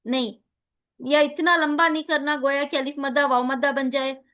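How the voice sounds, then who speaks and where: A woman teaching a recitation lesson, spelling out letters slowly and carefully between quick explanations. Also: sits high, fairly even intonation, bright, forceful tone.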